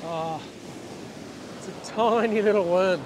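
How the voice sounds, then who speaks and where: On a windy open ocean beach, a high-voiced fishing channel host takes things slowly, chatting and explaining as he works and often restarting sentences. It's a casual instructional vlog recorded on a clip-on lapel mic, with loud crashing waves and wind in the background.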